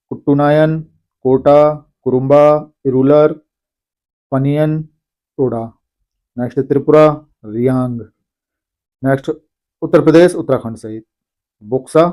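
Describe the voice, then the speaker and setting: A man with a mellow, warm voice at an ordinary pitch teaches an exam-prep lesson. He reads long lists of names at a measured pace, with explanations between them. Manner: reads names slowly, apologizes for pronunciation. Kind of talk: exam-prep lecture reading a list.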